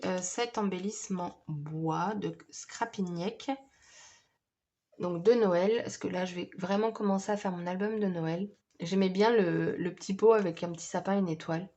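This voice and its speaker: A woman's voice: medium pitch, a little mellow, slight background noise. A woman chatting casually through a scrapbooking haul, hesitant and full of fillers. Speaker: scrapbooking vlogger.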